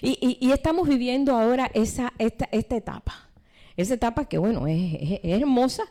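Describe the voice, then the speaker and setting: A middle-aged woman teaching a sermon at a seminar, acting out quoted voices with sudden swings in pitch. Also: expressive, a little fast, dark tone. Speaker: seminar preacher.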